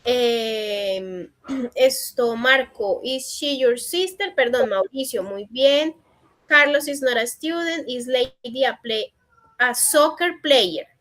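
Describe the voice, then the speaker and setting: A woman teaching an online English class in Spanish, reading out student answers and gently correcting them. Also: fairly high pitch, slow. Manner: encouraging corrections in a patient teacherly tone. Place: online session.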